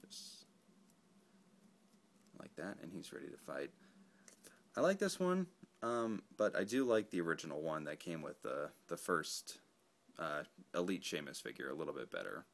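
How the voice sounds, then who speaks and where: Laid-back male toy reviewer, very low voice, rambling and self-correcting. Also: sing-song, moderate pace, creaky, long pauses, fairly bright tone, slight background noise. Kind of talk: casual action figure review.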